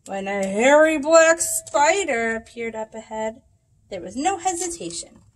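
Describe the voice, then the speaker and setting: A woman in her thirties, the storytime reader at a children's library, reads a rhyming picture book aloud in a library room. Her voice is on the high side, animated and unhurried, with an expressive sing-song delivery.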